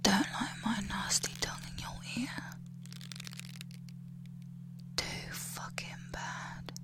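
In an audio roleplay, a young woman with a high-sitting voice voices a cruel, domineering bully, crude and taunting. She alternates between shouts and close whispers, and background noise can be heard.

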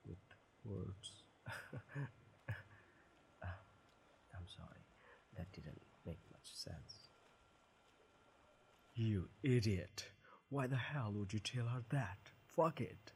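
A man's voice: deep voice, creaky, exaggerated voice. Man playing a shy, stammering young guy, noisy recording. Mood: nervous, awkward. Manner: stammering, halting, nervous, apologetic. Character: shy, flustered, smitten young man, awkward and inexperienced. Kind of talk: romantic audio role-play.

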